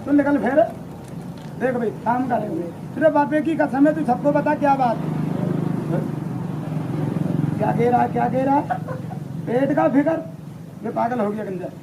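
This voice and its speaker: Outdoors on a busy street, a man performs a rowdy, teasing comic show for a crowd, switching between the voices of his characters. His voice is very high, unhurried, with long pauses, on a noisy outdoor crowd recording.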